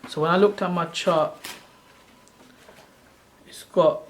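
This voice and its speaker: A Sri Lankan channel host in his thirties slowly walks viewers through an on-screen tutorial, his slightly high voice staying flat. He rambles loosely and corrects himself mid-sentence, more casual chat than script, with slight background noise.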